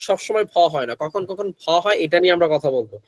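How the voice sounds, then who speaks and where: A Bangladeshi-accented man with a slightly high voice leads a pronunciation lesson. He switches between Bengali and English and quizzes his class as he goes. The sound is dry and close. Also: animated, fast talker, no echo, poor audio. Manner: mixes Bengali with English phrases, asks the class questions. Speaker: English teacher. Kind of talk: online class lecture.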